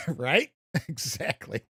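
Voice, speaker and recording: His mid-range voice is expressive and very slow, pushed and bright, with vocal fry and a slight roughness. The American streamer rambles through casual live commentary on a farming game, teasing himself and chuckling. The recording is dry and studio-clean.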